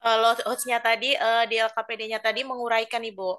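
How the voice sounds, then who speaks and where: Woman primary teacher, fairly high bright voice, short polite deferential answers. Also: level tone, a little fast. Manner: brief, polite, deferential replies. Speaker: elementary school teacher being examined. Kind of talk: answering an examiner.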